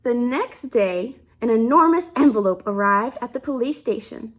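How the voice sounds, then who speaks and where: A woman reading a picture book aloud to children, expressively, pausing to comment and ask questions as a teacher would. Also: fairly high pitch, expressive. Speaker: children's storybook reader, teacher.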